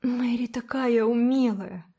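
A woman voicing a timid little girl who pleads earnestly in a high, gentle voice. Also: takes it slowly, slightly rough, exaggerated voice.

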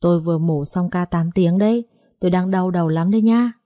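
A woman's voice: on the low side, fairly quick, dark tone, no echo, clean studio sound, close to an everyday voice. A woman voicing a blunt, exasperated young male surgeon in an audiobook story.

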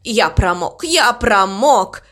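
A woman's voice: mid-range voice, expressive, slow, fairly bright tone. A woman voicing a grumpy, fussy crow in a storybook reading, muttering complaints. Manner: grumbling, sulky.

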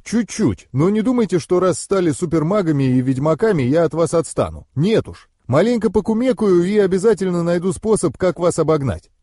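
A man voicing a cheerful, excitable young man in an audiobook, talking eagerly and teasing his friends. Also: high-pitched, a little fast, dry recording, studio quality, voice pushed up. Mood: excited.

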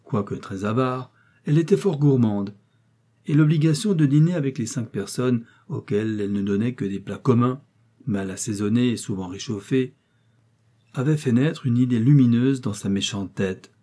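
A man reading a classic novel aloud as an audiobook narrator, in a measured storytelling manner. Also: medium pitch, dark tone. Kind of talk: scripted narration.

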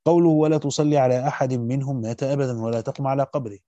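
A man reading a classical Quran commentary aloud as a teacher, at a rapid steady pace that slows to stress key words, with brief comments of his own. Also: medium pitch, no echo, muffled recording.

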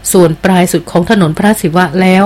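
A woman's voice: on the low side, fairly even intonation, fairly quick, a little mellow, natural voice. A woman reading aloud as a loyal jungle queen who speaks with earnest, deferential respect in an audiobook.

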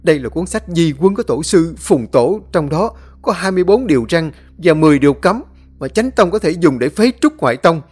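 A man voicing an earnest, righteous young male disciple who speaks loudly and pleadingly in a raised, higher voice. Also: big pitch swings, a little fast, slightly rough.

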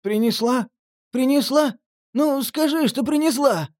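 A man's voice: very high-pitched, lively intonation, slow pace, voice pushed up, heavily acted. A man voicing a scrawny, giggly drug addict who talks through his nose. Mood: pleading. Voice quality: nasal. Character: nasal scrawny male junkie, giggly and jittery.

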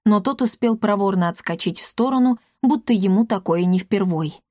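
A woman's voice: medium pitch, moderate pace, no echo, clean studio sound. Woman narrating a storybook. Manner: lively storytelling. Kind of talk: audiobook narration.

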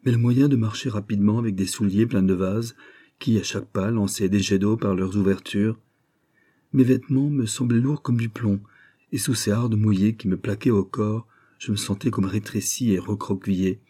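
A male narrator reads a literary tale with measured, expressive delivery. His voice is slightly low and mellow, with a husky grain. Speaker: audiobook narrator. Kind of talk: reading a literary story aloud.

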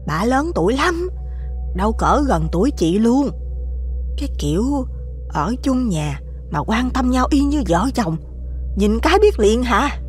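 Actress voicing a chatty boarding-house neighbor, insistent, confiding, fairly high, animated pitch. Audio story. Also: female voice, a little slow, faint music behind.

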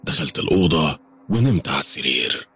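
A man's voice: a bass voice, very animated, quick pace, pushed and bright, slightly rough, faint music behind. A man with an Egyptian accent narrating a first-person horror story with urgent, dramatic delivery. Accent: Egyptian Arabic.

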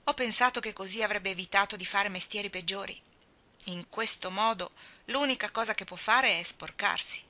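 A woman's voice: mid-range voice, normal speed, pushed and bright, close to an everyday voice. A woman voicing a stern, practical older woman who sounds resigned in a storybook reading.

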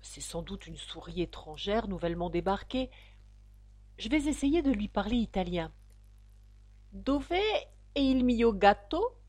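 A woman's voice: mid-range voice, very animated, unhurried, long pauses, a little mellow, no room sound. A woman voicing a polite, chatty young girl in a storybook reading, talking earnestly in a rush. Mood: musing.

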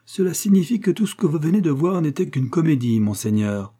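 A man's voice: fairly high pitch, very animated, fairly quick, mellow, slightly rough, voice pushed up. A man reading aloud who voices a coachman disguised as a notary, speaking with a sly deference.

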